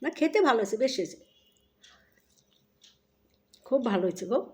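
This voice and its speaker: A woman's voice: fairly high pitch, animated, moderate pace. A woman vlogger chatting casually as she is served homemade sweets, fussing over the portions and praising the cooking. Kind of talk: casual chat while eating.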